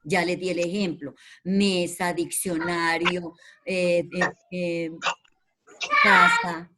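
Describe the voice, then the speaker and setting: A woman's voice: fairly low pitch, little pitch movement, very noisy. A woman teacher, explaining a lesson in an online class and repeating herself with many fillers. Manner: slow, repetitive, with many fillers. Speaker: primary school teacher.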